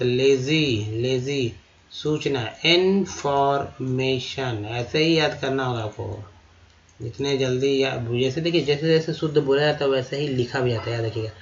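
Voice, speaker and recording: A man teaching English vocabulary in a slow lesson, sounding out each word syllable by syllable and repeating it. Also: mid-range voice, muffled recording. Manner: repeats words syllable by syllable, addresses viewers as friends.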